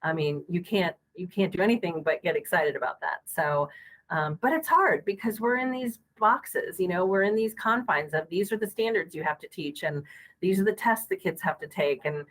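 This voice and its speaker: A middle-aged woman in casual podcast conversation, her voice sitting a little low. She talks earnestly, circling back with fillers and restarts as she thinks aloud. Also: normal speed, a bit bright, poor audio. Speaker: guest, school district technology leader.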